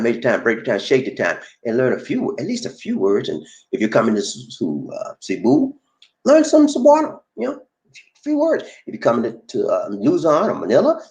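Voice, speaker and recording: A man with a medium-pitched, darkish voice hosts a casual livestream chat, reading out viewer comments. He teases playfully and speaks in Southern American vernacular.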